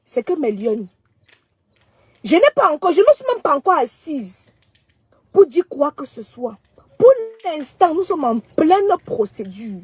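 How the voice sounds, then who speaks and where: A young adult woman, talking on a livestream in an emphatic, declaiming way that swings between soft and loud. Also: sits high, big pitch swings, unhurried, long pauses, no room sound. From Cameroon. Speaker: live streamer. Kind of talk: livestream monologue.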